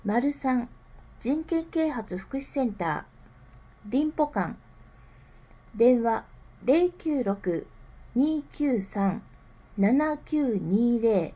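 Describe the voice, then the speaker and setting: Female reader for public notices: soft mellow tone, unhurried, carefully enunciated scripted delivery. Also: fairly high pitch, slightly rough, lo-fi sound. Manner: careful enunciation, digits read out slowly one group at a time. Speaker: reader of a town newsletter. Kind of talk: scripted informational read-aloud.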